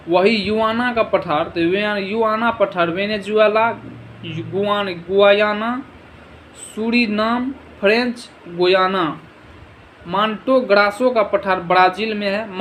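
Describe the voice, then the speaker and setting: Guy teaching exam one-liners, asks then answers himself, kinda high voice, trips on foreign names. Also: a bit bright, a little hiss or hum, rough recording. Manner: stumbles over foreign place names. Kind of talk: exam revision lesson reading one-liner quiz questions.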